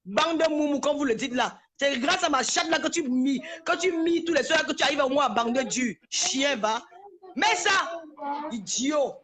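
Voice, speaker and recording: A woman's voice: sits high, expressive, normal speed, fairly bright tone. A woman, hurling insults in a confrontational live-stream rant. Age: 40s. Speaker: social media personality.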